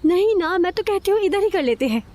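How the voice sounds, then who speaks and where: A woman's voice: very high-pitched, expressive, a little fast, warm tone. A woman voicing a nervous young journalist who coaxes and stalls in a flustered way. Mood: coaxing. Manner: coaxing, flustered.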